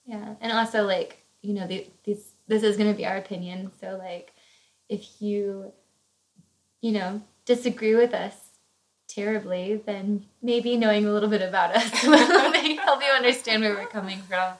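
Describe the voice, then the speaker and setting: A woman's voice: medium pitch, moderate pace, rough recording. A woman in her early twenties from Virginia, co-hosting a podcast in chatty casual talk with bubbly, giggly asides. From Northern Virginia, USA. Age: 20s. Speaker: podcast co-host. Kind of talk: casual chat.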